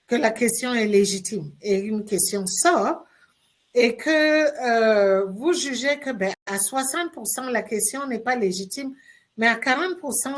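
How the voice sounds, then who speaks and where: A woman career coach, giving spontaneous advice with many hesitations and restarts. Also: on the high side. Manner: hesitant, frequent "euh" fillers and restarts. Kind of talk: spontaneous instructional talk.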